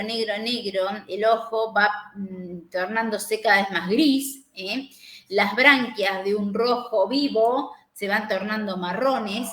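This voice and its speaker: A woman's voice: medium pitch, fairly bright tone. Woman lecturing in an echoey room. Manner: explanatory, with many fillers and tag questions. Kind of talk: university lecture.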